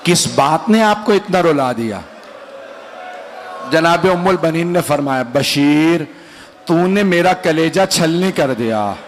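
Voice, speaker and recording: A man with an Indian Urdu accent reciting a mourning sermon, rising into drawn-out wailing cries and speaking directly to the gathering. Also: high voice, noisy background. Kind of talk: Muharram majlis recitation.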